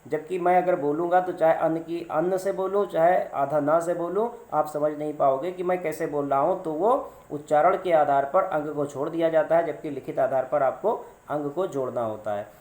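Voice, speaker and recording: A man with a slightly high voice teaches a grammar lesson, working through examples one by one. He repeats points patiently and asks his viewers questions before answering them. The recording carries a roomy echo. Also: moderate pace, hardly any pauses, a little mellow.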